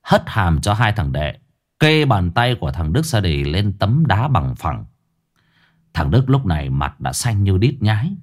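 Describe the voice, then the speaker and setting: Male horror narrator, lively pitch, lowish voice, dramatic storytelling. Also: measured pace.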